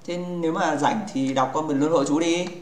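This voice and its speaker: A man's voice: a little high, steady tone, normal speed. A man hosting a gaming livestream in casual chat, playful and teasing with his viewers, rambling and restarting his sentences. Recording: echoey room.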